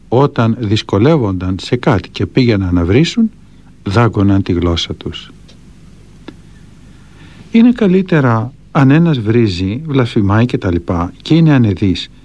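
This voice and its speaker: A man's voice: medium pitch, darkish tone. A man reading spiritual anecdotes and counsel aloud, with a storytelling delivery. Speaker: reader of a monk's teachings.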